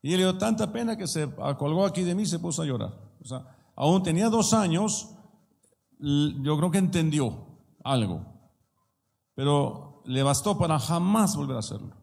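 A man's voice: a little high, expressive, moderate pace, vocal fry, darkish tone, long reverb tail. A male pastor preaching a sermon in a conversational way, with many rhetorical questions and personal stories.

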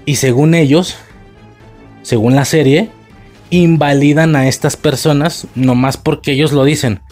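A man's voice: fairly high pitch, steady tone, a little slow, a little mellow. A man with a Mexican accent ranting sarcastically and profanely in a casual video review, with faint music behind.

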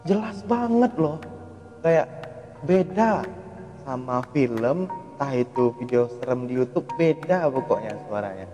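A man's voice: mid-range voice, lively intonation, a little slow, mellow. A young man casually telling a personal ghost story in a chatty, filler-heavy way. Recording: long reverb with music behind. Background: background music.

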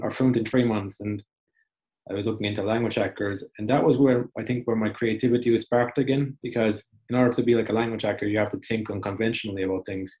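Slightly mellow and lowish, a young podcast guest's voice drifts through a casual interview. He reflects loosely, with frequent restarts and plenty of "like."

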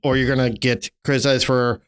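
A man's voice: mid-range voice, level tone, a little fast, clear, resonant tone. A man in his thirties co-hosting a podcast, chatting casually, rambling with many restarts and casual swearing. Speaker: podcast co-host. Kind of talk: casual chat.

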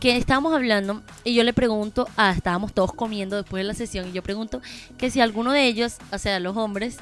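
A woman's voice: on the high side, fairly bright tone. A woman co-hosting a podcast in casual chat, enthusiastic and playful as she tells stories. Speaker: podcast co-host.

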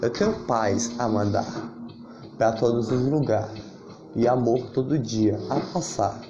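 A man telling a story in a slow, half-sung rap delivery. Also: mid-range voice, background noise. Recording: roomy, dull, guitar music behind.

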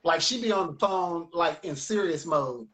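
A man's voice: on the high side, normal speed, poor audio. A man from the United States, a music teacher, telling stories in a casual, rambling interview chat. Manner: animated, rambling storyteller.

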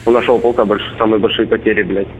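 A soldier calling home, talking bluntly and swearing constantly, heard as an intercepted call over a radio. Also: male voice, fairly low pitch, flat delivery, rapid-fire. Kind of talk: casual phone call. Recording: tinny intercepted radio line, faint hiss.

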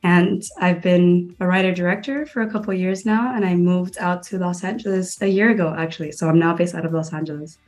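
A woman's voice: on the low side, steady tone, brisk, few pauses, darkish tone, soft background music. A young woman from Miami, a guest filmmaker and stand-up comedian, chatting casually in an interview and filling her sentences with "like". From Miami, Florida. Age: young adult. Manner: chatty, lots of "like" fillers.

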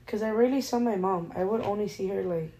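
A young woman co-hosting a casual podcast chat, talking softly and rambling with many fillers. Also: medium pitch, fast talker, slight background noise, low-quality recording. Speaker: podcast co-host.

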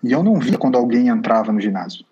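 A young man, co-hosting a casual podcast and telling a story in a slangy, animated way. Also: mid-range voice, fast, slightly rough, lo-fi sound. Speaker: podcast co-host.

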